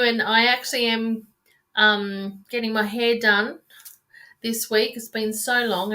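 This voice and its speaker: Speaking a little high with a bright, forceful tone, this woman chats warmly with viewers while giving laid-back tarot readings on a live stream. Her sentences wander and restart, and she's picked up by a webcam or phone microphone.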